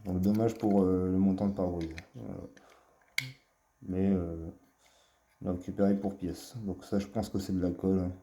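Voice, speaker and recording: A man's voice: sits low, flat delivery, normal speed, pauses often, dark tone, slight background noise. A man casually showing his collection in a vlog, talking hesitantly with many fillers and a fond tone. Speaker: collector presenting his finds. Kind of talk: casual show-and-tell vlog. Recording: echoey room.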